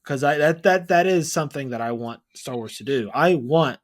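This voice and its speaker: A man's voice: on the high side, normal speed. A man co-hosting a movie podcast in casual chat, rambling and playful with many fillers. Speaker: podcast co-host.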